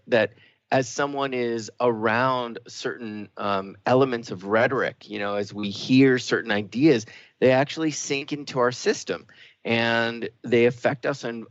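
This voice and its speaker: In dull, dry radio audio, a male co-host with a fairly low voice talks through ideas in an explanatory, reflective, earnest way during a talk-show discussion.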